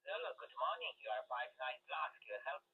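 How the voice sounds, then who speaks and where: A man's voice: sing-song, a little fast, narrow, tinny audio. A man working as an amateur radio operator, heard through mistuned sideband radio reception, trading brief, friendly call-sign exchanges on the air. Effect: mistuned sideband radio reception, warbling pitch.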